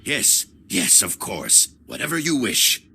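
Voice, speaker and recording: A man's voice: medium pitch, very animated, slow, vocal fry, bright, forceful tone, soft background music, heavily acted. An actor playing a cowardly, greedy male Imperial official who blusters and then grovels. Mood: fawning.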